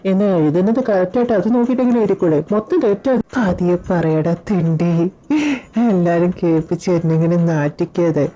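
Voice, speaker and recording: A woman's voice: fairly low pitch, fairly even intonation, brisk, warm tone, muffled recording, lightly acted. A woman voicing anxious young men bantering and pleading with friends in a fan audio drama. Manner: pleading, exasperated chatter.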